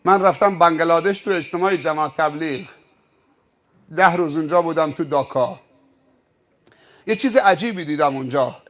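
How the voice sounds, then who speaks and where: A man's voice: a little high, long pauses. A male preacher giving a sermon, telling stories with rhetorical questions. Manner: animated storytelling with rhetorical questions.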